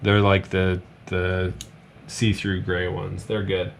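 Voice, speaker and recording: Slow-talking tired-voiced man streaming. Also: low voice, creaky, a little hiss or hum. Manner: relaxed, rambling, many fillers and pauses. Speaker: streamer building drones. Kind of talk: casual live-stream chat. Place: home workbench.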